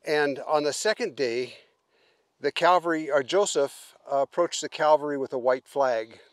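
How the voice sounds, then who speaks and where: A man's voice: a little high, no echo. A man in his sixties explains a historic site while walking outdoors, talking casually with many fillers, filming himself at arm's length. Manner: relaxed, halting with fillers. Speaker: travel vlogger. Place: open prairie outdoors. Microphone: camera held at arm's length.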